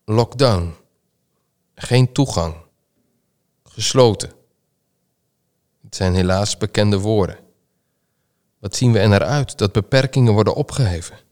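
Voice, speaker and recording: A male preacher reads scripture and then gives a meditation on it in a solemn, unhurried delivery. His voice sits on the low side, and he lingers deliberately over key phrases. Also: a little mellow. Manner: slow, measured, solemn delivery. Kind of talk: scripture reading and sermon meditation.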